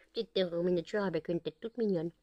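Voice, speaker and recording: A woman's voice: on the low side, normal speed, no echo, muffled recording. A tired woman vlogging casually at home, rambling with many fillers and talking to her dog. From France. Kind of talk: casual home vlog chat. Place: home indoors.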